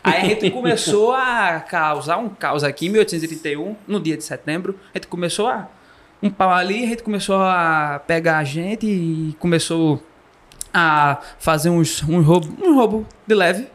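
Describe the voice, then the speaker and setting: A man from Pernambuco with a Pernambuco accent, telling a comic story in the first person with playful, animated delivery. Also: high-pitched, normal speed. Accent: Pernambuco Brazilian Portuguese. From Pernambuco, Brazil. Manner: playful, animated, jokey delivery with acted sound effects. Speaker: storyteller guest.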